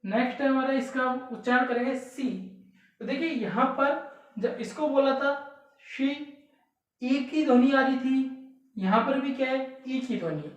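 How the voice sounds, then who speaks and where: A woman's voice: high voice, measured pace. A woman teaching an exam prep lesson, explaining step by step, repeating key words and asking rhetorical questions. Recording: echoey room, voice far from the mic.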